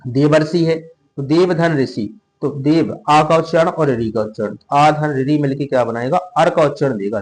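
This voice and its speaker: A man's voice: a little high, darkish tone, low-quality recording. A man teaching a class, patient and repetitive, often asking the students questions. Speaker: tutor. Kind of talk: classroom lesson explaining grammar rules.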